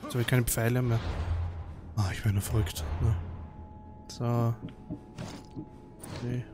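A man's voice: medium pitch, flat delivery, a little slow. A man giving casual, grumbling gameplay commentary, muttering to himself. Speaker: video game let's player. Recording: loud game soundtrack behind voice. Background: game music.

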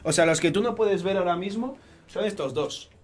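Excitable young man, swearing. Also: sits high, brisk, soft background music. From Spain. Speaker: channel host. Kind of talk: casual chat.

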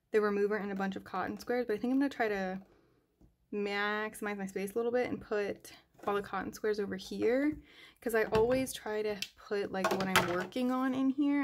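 A young woman tidies her nail polish desk in her home nail room, chatting casually and thinking aloud with fillers and hesitations. Her voice is medium-pitched and brisk, picked up by an overhead camera above the desk.

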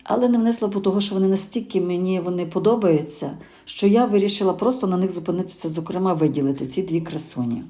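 Woman with a soft dark voice. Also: lowish voice, fast, hardly any pauses. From Ukraine. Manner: warm conversational, with hesitations and self-corrections. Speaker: gardening channel host. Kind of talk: casual spoken garden review.

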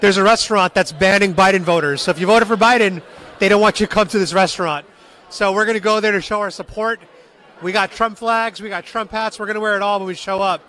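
A man's voice: high voice, fast talker, pushed and bright. A young man hosting a live vlog, chatting upbeat to viewers and interviewing people with a handheld mic in a large meeting hall. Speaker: street interviewer and livestream host. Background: murmuring crowd.

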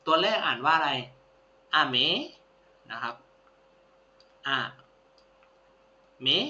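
Teaching a language lesson classroom-style, a man patiently repeats each word and praises his students. His voice is a little high, pushed and bright, at normal speed. A faint hum runs under the roomy, dull lo-fi recording.

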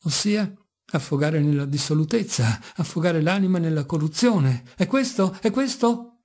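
A man's voice: on the high side, animated, normal speed, a little mellow. A man reading as a pained, pleading young novice. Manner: pleading, sorrowful.

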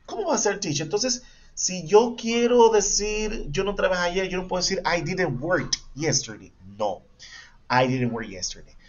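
A male English teacher giving an online class, moving between Spanish and English and repeating each example slowly. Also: high-pitched, expressive. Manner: quizzes himself aloud with pupils' questions. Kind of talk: online class explaining grammar. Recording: dull lo-fi sound.

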